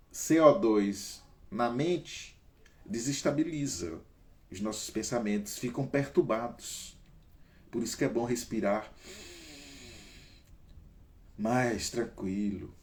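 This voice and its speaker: A man from Brazil hosting a casual talk, coaching listeners through breathing exercises and calling on them by name. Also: mid-range voice. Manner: animated, emphatic, varies pace and loudness. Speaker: host.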